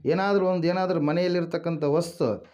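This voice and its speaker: A man's voice: fairly high pitch, steady tone, normal speed, a little mellow. A man preaching a sermon who keeps asking the congregation questions, answering them himself and calling out hallelujah and praise the Lord. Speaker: pastor.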